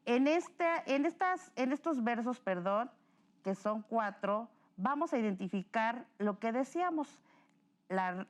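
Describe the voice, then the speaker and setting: Mexican woman teacher, patient explainer, fairly high voice. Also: darkish tone. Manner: patient, explanatory, self-correcting with "perdón". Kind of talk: recorded classroom lesson.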